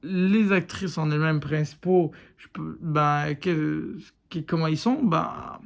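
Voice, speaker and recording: Guy ranting about a show to his viewers, kinda high voice, super casual and blunt. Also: takes it slowly, vocal fry. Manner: frank, addresses viewers directly as "les gars", lots of fillers. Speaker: YouTuber reviewing a series. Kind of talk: casual video review.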